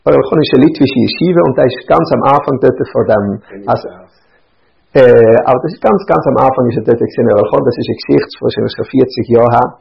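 A man's voice: medium pitch, fast, creaky. A man giving a Torah lecture as a rabbi, explaining step by step and repeating his points with rhetorical questions. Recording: dull lo-fi recording.

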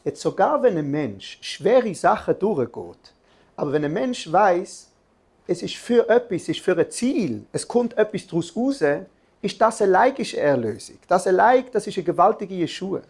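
Gravelly man teaching. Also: high-pitched, sing-song, normal speed, darkish tone. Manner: earnest storyteller, restarts and filler sounds, mixes in Hebrew terms. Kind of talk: religious lesson with storytelling.

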